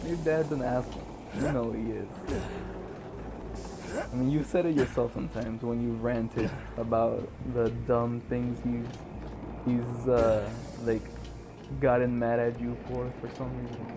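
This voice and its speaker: A man's voice: mid-range voice, flat delivery, a little slow, background noise. A young man streaming a game, chatting casually and rambling with lots of swearing and fillers. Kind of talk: casual chat while streaming gameplay.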